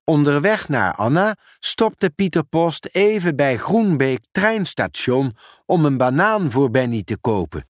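A man reading a children's story aloud in an expressive, unhurried manner. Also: a little high, no echo, clean studio sound. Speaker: narrator. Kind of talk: storybook read-aloud narration.

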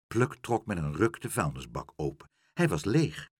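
A man's voice: sits low, very animated, normal speed, husky, dry recording, studio quality. A man reading a children's story aloud, acting out every line.

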